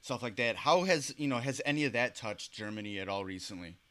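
A man's voice: medium pitch, lively intonation, a little fast, bright, forceful tone. A man interviewing a guest in a casual chat, leaning heavily on "you know" and "like" as he frames his questions. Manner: leans on "you know" and "like" fillers. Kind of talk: casual conversation.

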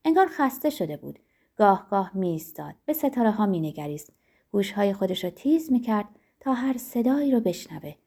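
A woman narrating a novel in a measured, expressive storytelling voice. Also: mid-range voice, slightly rough. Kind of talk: scripted audiobook narration.

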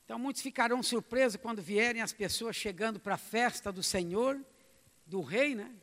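A man preaching a sermon, emphatic, moving between loud exhortation and quiet asides. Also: high voice, fairly quick, in a large hall.

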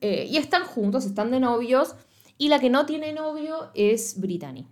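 A woman with an Argentine Spanish accent talks through a film plot in casual podcast chat. She is slangy and animated, and she slips into little voices whenever she quotes the characters. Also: high voice, normal speed. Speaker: podcast co-host.

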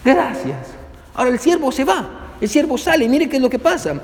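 A male pastor preaches a sermon in a fairly high voice. He keeps putting questions to his listeners and calls them to turn with him to the verses. His words ring on in a long hall echo. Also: sing-song, a little fast. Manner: asks the congregation rhetorical questions.

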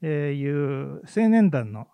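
A man co-hosting a podcast about theatre, talking in a relaxed, hesitant way with many fillers and small laughs. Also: fairly high pitch, slow, vocal fry, clear, resonant tone, no room sound. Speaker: podcast co-host, theatre reviewer. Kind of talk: casual chat about plays.

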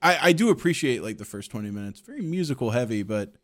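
A man's voice: medium pitch, very animated, fast. A young adult man co-hosting a podcast, telling stories in a laid-back, casually profane way. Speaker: podcast co-host.

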